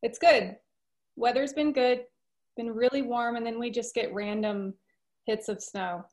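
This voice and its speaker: Friendly woman with a higher voice. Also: fairly even intonation, measured pace, a little mellow. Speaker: podcast guest. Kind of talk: casual chat about astrology. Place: home room with bookshelves.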